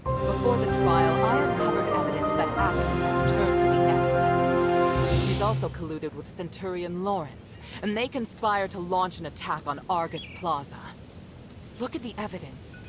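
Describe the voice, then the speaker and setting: A woman's voice: fairly low pitch, moderate pace, loud music behind the voice, lightly acted. A woman voicing an earnest, defiant noble mistress in a dramatic video game, speaking formally and urgently. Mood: indignant.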